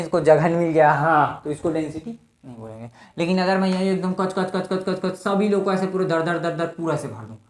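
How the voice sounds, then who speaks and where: Male tutor, casual exam-prep lesson, asks and answers his own questions, repeats words, echoey room. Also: sits high. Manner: keeps asking rhetorical questions and answering them himself. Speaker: physics tutor. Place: indoor room, teaching at a marker board.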